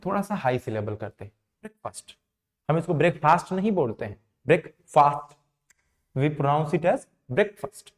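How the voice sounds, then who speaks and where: Guy teaching english, kinda higher voice, slow and repeats stuff, asks then answers himself. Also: darkish tone. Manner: slow explanatory, repeats words for emphasis; asks and answers his own questions. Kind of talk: classroom lesson.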